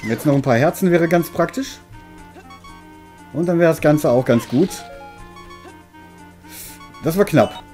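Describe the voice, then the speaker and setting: A man gives casual game commentary in a mellow, relaxed voice. His manner is dry and mildly grumbling. Game music plays behind him. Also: fairly high pitch, a little slow, pauses often. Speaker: let's player.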